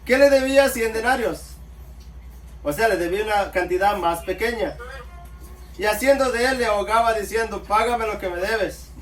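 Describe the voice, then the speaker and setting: High-voiced preacher in an echoey hall. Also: male voice, moderate pace, long pauses, soft background music. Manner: addresses listeners as brothers, calls out amen often. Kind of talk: sermon. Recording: echoey room, mic far off, faint background noise.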